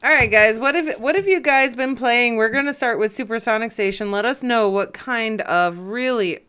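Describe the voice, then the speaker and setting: Bright, clear-voiced woman hosting. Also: fairly high pitch, normal speed. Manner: teasing, laughs often. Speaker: podcast host. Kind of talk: casual gaming chat.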